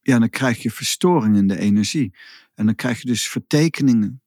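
Guy on a podcast, slow thoughtful talk about spiritual stuff, middle pitch, dry close sound. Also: a little mellow, dry recording. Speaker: podcast host. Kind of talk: casual podcast conversation.

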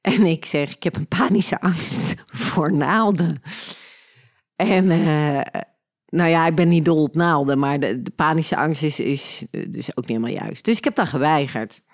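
A woman with a low voice and a Flemish Belgian accent tells a story from her own life as a podcast host. She talks casually and animatedly, with a sarcastic edge, and laughs at herself. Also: unhurried.

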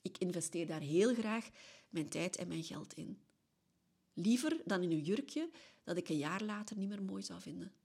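A woman's voice: lowish voice, moderate pace, creaky, darkish tone, slightly rough. A middle-aged woman with a Flemish accent, talking earnestly as a podcast host in a reflective personal monologue and often ending phrases with a little questioning tag.

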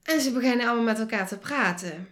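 A young woman with a fairly high voice recounts a hard personal experience as a podcast host. She talks emotionally, restarts her sentences and laughs in the middle of the story. She sounds a little foggy, still recovering from a concussion. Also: fast, fairly bright tone.

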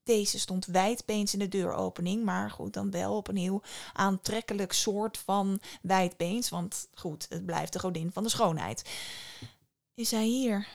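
A woman's voice: medium pitch, fairly even intonation, measured pace, creaky. A woman reading a myth aloud as storyteller, in scripted narration with wry asides.

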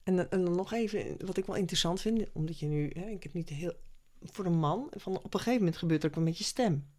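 A woman's voice: lowish voice, fast talker, a little mellow. A woman hosting a podcast interview, asking questions in a chatty way with fillers. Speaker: podcast host. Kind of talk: conversational interview.

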